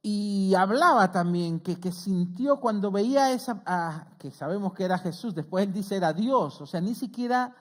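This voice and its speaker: A middle-aged man, a pastor preaching a conversational sermon who often checks in with his listeners and rises in pitch and volume when he quotes scripture. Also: lively intonation, normal speed, few pauses. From Argentina. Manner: earnest, conversational preaching with frequent "¿sí?" check-ins.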